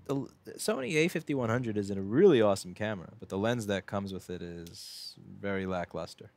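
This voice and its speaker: Man, low voice, gravelly, casual live-stream repair chat. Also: expressive, brisk, a little mellow, no echo. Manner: casual, chatty, talks to chat while working. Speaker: repair shop owner.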